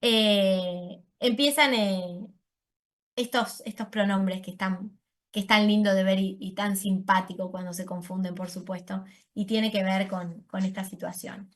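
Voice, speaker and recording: A speech therapist gives an explanatory lecture to an audience, using voseo and correcting herself as she goes. Her voice is medium-pitched and steady, at a slightly slow pace.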